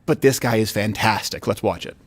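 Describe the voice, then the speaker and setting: A man's voice: on the low side, a loud crowd. A man in his thirties hosting a political talk show, sarcastic and emphatic. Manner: sarcastic, emphatic, quick asides. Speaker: host.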